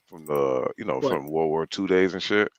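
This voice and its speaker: A man's voice: rumbling low, normal speed, dry recording. A man co-hosting a podcast in laid-back, slangy casual chat, laughing often.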